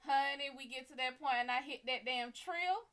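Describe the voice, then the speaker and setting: Bright, brassy woman telling a story. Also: high voice, normal speed. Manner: animated, profane storyteller calling listeners honey and baby. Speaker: psychic reader and live show host. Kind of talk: casual live-stream storytelling.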